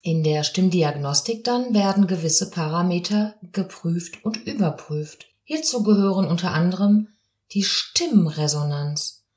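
Slow, calm woman voice coach. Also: lowish voice, echoey room. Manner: calm, explanatory, demonstrates voice sounds. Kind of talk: podcast lesson on voice.

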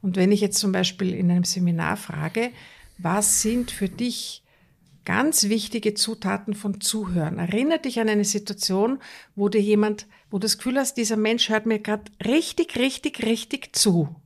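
A woman's voice: mid-range voice, moderate pace, vocal fry. A woman coach in an interview, talking earnestly and repeating words for emphasis. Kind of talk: conversational interview.

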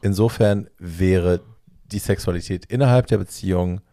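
A middle-aged man with a deep, dark voice talks frankly in a casual podcast conversation. He is blunt and emphatic and slips English phrases into his sentences. The recording is dry and close. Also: normal speed, no room sound. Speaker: podcast panelist; drag queen.

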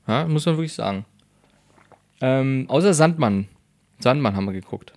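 A man's voice: mid-range voice, animated, normal speed, a little mellow, no echo. Male co-host, chatty and laughing, restarts a lot, dry close mic. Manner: laughs often, rambling with restarts. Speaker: podcast co-host. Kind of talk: casual chat.

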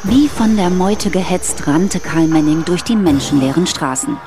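A woman narrating a radio play in an even, measured storytelling manner. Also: fairly low pitch, noisy background.

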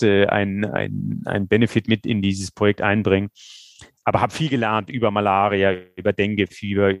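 Low-voiced doctor, halting with fillers. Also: male voice, no room sound, studio quality. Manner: hesitant, many fillers and restarts. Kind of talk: recounting experiences in an interview.

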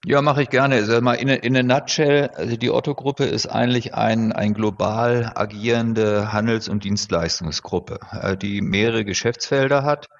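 A man's voice: medium pitch, steady tone, dull audio. A middle-aged man who speaks accent-free standard German, explaining at length in a podcast interview with many hesitations. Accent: standard High German. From born in South Africa, raised in Germany. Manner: measured, explanatory, frequent hesitation sounds. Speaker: guest, former executive.

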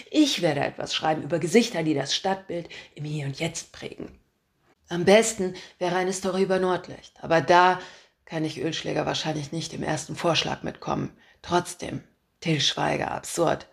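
Woman reading her story aloud, lively. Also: low-pitched, gravelly. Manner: lively, ironic first-person narration. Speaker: author reading her book. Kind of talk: scripted narration, reading aloud.

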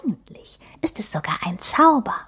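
A woman voicing a cheerful little female magic mouse in a children's storybook reading, bouncy and encouraging, with a breathy voice. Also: a little high, sing-song, moderate pace, a bit bright, pitched above the performer's own voice, full character voice.

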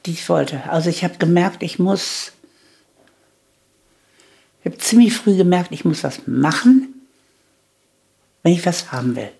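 Gravelly older woman recounting her life. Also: fairly low pitch, lively intonation, warm tone. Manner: candid, halting with restarts, emphatic on key points. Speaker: interviewee. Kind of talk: reflective life-story telling.

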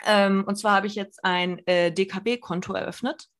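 A woman's voice: mid-range voice, steady tone, a little slow. A young woman co-hosting a podcast, chatting casually and self-deprecatingly, acting out her own nervous voice in stories. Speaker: podcast co-host. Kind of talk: casual chat.

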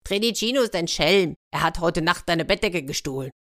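A woman doing a high-voiced clever parrot. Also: lively intonation, brisk, a bit bright. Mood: matter-of-fact. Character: clever know-it-all male parrot.

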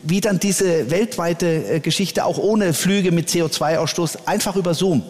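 A man, a church leader, answering interview questions earnestly, often pausing with hesitations. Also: a little high, darkish tone. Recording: long reverb.

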